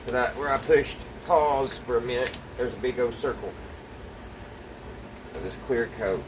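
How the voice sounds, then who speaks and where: At a measured pace and medium pitch, a DIY vlogger talks viewers through the job in front of him, folksy and plain, thinking as he goes. The phone camera sits away from him, so the recording is distant and noisy with an ongoing hum.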